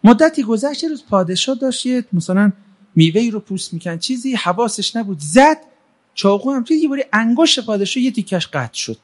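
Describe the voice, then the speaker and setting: A man casually retelling a folk tale in a fairly high voice. His intonation rises and falls a great deal. The telling stays loose and conversational, with everyday fillers. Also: very animated. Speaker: storyteller. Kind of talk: casual oral storytelling.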